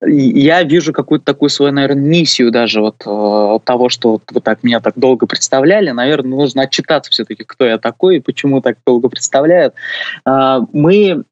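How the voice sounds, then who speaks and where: A man in his late twenties, a guest on a radio show, speaking earnestly with many pauses and fillers. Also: medium pitch, a little mellow, no room sound, muffled recording. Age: 20s. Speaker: guest, youth official. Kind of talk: radio interview.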